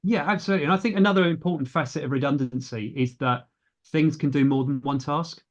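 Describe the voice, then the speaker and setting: A British man hosting a casual conversation, asking measured, thoughtful questions. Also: fairly high pitch, lo-fi sound. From Britain.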